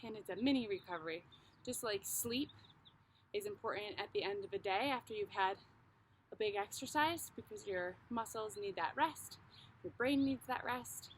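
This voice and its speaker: A woman's voice: mid-range voice, expressive, moderate pace, a little hiss or hum. A woman fitness instructor guiding a home workout, calling out the moves and cheering people on. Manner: encouraging, coaching. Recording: echoey room with guitar music.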